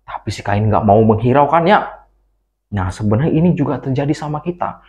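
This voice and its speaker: A man from Indonesia telling a Bible story to children, animated and talking straight to the kids. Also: medium pitch, a little fast. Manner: animated, addresses children directly.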